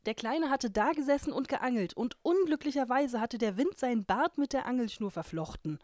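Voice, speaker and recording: A woman's voice: high voice, brisk, no echo. A woman podcast host reads a fairy tale aloud and breaks off for wry, casual remarks. Her voice moves up and down a lot. The sound is close and dry. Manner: lively and wry. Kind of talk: reading aloud with casual chat asides.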